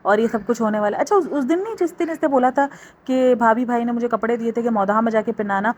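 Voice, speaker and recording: A woman's voice: on the high side, quick pace, a little mellow, a little hiss or hum. A young woman vlogger giving mocking, chatty commentary as she reviews a family's videos. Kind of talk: casual gossip commentary.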